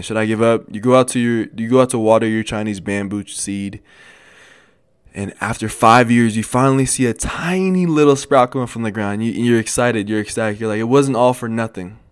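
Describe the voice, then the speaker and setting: A man in his twenties telling a motivational story in a casual, animated way, with many restarts and repeated phrases. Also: on the low side, clean tone, dry recording, studio quality. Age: 20s. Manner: animated, repetitive, lots of restarts. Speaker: motivational vlogger.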